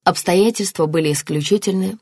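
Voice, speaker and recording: A woman reading an audiobook, voicing a calm, composed woman detective who speaks in a measured, official manner. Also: on the low side, slightly rough, no echo, studio quality.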